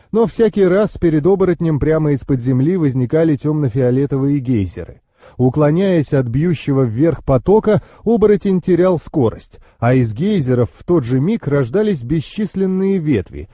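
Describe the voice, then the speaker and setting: A man reading a fantasy audiobook in the first person, with steady, expressive storytelling. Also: a little high, no room sound, clean studio sound. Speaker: audiobook narrator.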